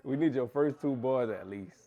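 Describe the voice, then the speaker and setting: A man's voice: mid-range voice, moderate pace, narrow, tinny audio. A young man hosting a casual chat, joking and hyping up the people he talks to. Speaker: host.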